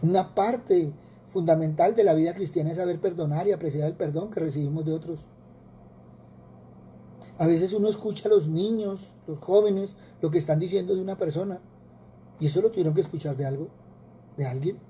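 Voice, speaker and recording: A faint hiss underlies this recording of a man preaching earnestly with a Colombian accent. He speaks briskly in a deep, mellow voice, repeating words and asking rhetorical questions.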